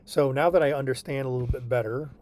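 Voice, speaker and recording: In this homework session held over video, a male tutor is patient and reassuring, often pausing to ask "okay?". He talks fast with a medium pitch, fairly even intonation and a darkish tone, over slight background noise.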